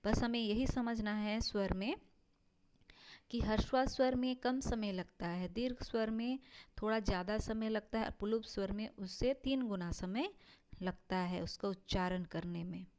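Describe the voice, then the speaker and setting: A woman teacher, slowly explaining a lesson and drawing out her example words. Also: medium pitch, darkish tone, smooth. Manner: slow, deliberate, stretches out example words. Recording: dull lo-fi recording.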